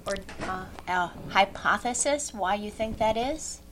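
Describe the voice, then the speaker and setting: Facilitator, woman, mid-pitched, gentle probing questions, faint room noise. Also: lively intonation, a little slow, rough recording. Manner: gently prompting, asks many follow-up questions. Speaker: group facilitator and host. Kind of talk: casual group discussion.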